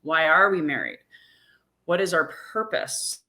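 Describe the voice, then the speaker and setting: A woman's voice: deep voice, very animated, a little slow, sharp tone. A woman hosting a podcast, telling her story in an earnest, reflective way. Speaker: podcast host. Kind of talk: casual conversation.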